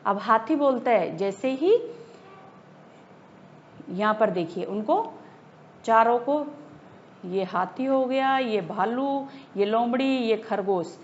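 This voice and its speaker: Woman teacher telling a kids story, keeps quizzing the class, slow and kinda high voice, dull lo-fi audio. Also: expressive, a little hiss or hum. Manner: asks pupils questions and repeats points. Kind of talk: storytelling lesson for children.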